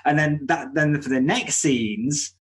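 A man co-hosting a casual film discussion, talking in a halting way and often restarting his sentences. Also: fairly high pitch. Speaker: film podcast co-host.

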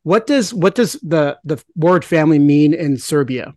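A male podcast host with a slightly higher voice who asks relaxed, conversational questions. The recording is dry and close, with no room sound. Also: normal speed, dry recording. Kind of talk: casual podcast interview.

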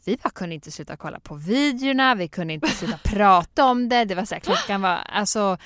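A young woman hosting a podcast tells stories in a lively, casual way and laughs often. Her voice sounds dry and close, with no room around it. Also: mid-range voice, no room sound. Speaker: podcast host. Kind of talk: casual chat.

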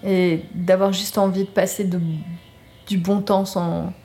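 A woman's voice: mid-range voice, little pitch movement, a little slow, warm tone. A woman from France leading a casual songwriting session in a studio, guiding the steps and reading lyrics aloud. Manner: guiding, self-deprecating, reads lyrics aloud. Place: recording studio.

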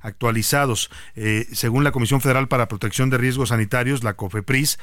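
A man with a Mexican accent hosting a radio news programme, speaking in a measured way with frequent hesitation fillers and brief acknowledgements. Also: mid-range voice, fairly even intonation, a bit bright, dry recording, clean studio sound.

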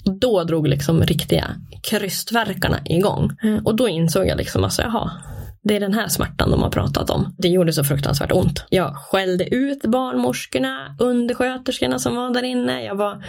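A young woman candidly telling a personal story in casual conversation, with animated delivery and frequent fillers. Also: mid-range voice, vocal fry. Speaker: interview guest.

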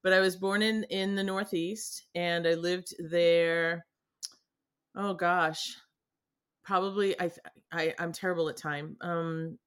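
A middle-aged artist from New England joins a casual video-call interview from her home studio, her paintings in the background. She speaks slowly and clearly in a fairly low, resonant voice with fairly even intonation and a faint Boston accent that has mostly faded. She's animated, laughing often and restarting her sentences.

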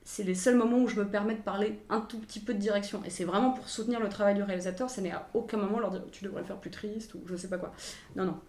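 A woman's voice: mid-range voice, very fast, darkish tone. A young woman in her twenties working as a language coach for actors, answering interview questions with many fillers and restarts. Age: 20s. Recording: roomy echoey sound.

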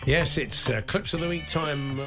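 A man's voice: fairly high pitch, over loud music. A man co-hosting a sports radio bloopers show, teasing and joking in casual banter. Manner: wry, teasing, quick to joke. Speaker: radio co-host.

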